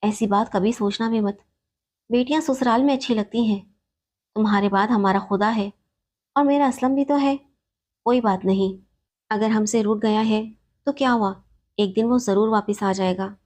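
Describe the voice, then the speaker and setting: A woman's voice: on the high side, darkish tone, close to an everyday voice. A woman voicing a grieving aging mother who pleads tearfully for her lost son to come home, in a read-aloud story. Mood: consoling.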